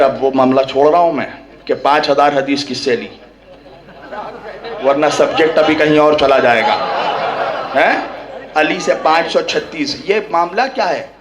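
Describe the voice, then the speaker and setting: A man giving an impassioned religious speech at a mourning gathering, speaking straight to his listeners, firing rhetorical questions with a repeated "hain?" and rising to shouts at the peaks. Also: on the high side. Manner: rises to shouting at climaxes; speaks directly to the audience.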